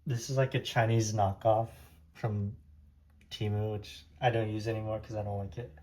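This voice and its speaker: A young native Hokkien speaker from Taiwan walks through his diecast collection room in a casual vlog, rambling and restarting often amid many fillers. His voice is lowish and somewhat dark, level in tone, at a moderate pace.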